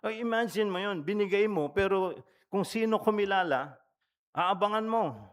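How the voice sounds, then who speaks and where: A man's voice: high-pitched, moderate pace, smooth. A male pastor preaching a sermon in a conversational, storytelling way, asking the congregation questions and switching between Tagalog and English mid-sentence.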